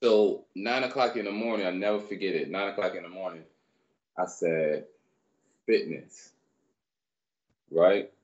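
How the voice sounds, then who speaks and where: Over a webcam from a small room indoors, a personal trainer in his thirties, born in Barbados and raised in New York, casually tells his story as an interview guest. His deep voice is a little slow, with long pauses and plenty of fillers as he rambles in a relaxed way, and the audio comes through dull.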